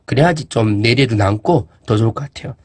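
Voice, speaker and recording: Speaking briskly in a medium pitch, a man shows off an e-reader for a casual review vlog. His manner is easygoing and talkative, with plenty of fillers and side remarks as he thinks out loud.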